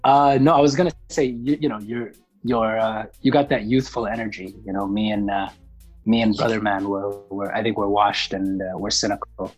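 Man, Canadian, husky voice, laid-back, wry, casual chat, faint music underneath. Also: on the low side, steady tone, normal speed, low-quality recording. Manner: laid-back, wry storyteller who laughs often.

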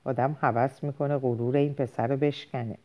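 A woman's voice: extremely low pitch, fairly even intonation. Stubborn scornful father, read by a woman. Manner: scornful, shouting bursts. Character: stubborn angry middle-aged father, scornful.

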